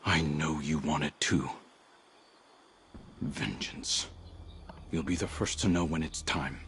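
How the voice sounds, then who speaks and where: An actor playing a stern, grieving military commander in a video game, grave, terse and commanding. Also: male voice, rumbling low, steady tone, takes it slowly, a bit bright, full character voice. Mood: bitter, vengeful. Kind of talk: dramatic video game acting.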